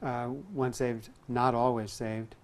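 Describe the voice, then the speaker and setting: An older man on a TV studio panel, adding points in a measured, explanatory way. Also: medium pitch, level tone, clean tone. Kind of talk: TV panel discussion. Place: TV studio set.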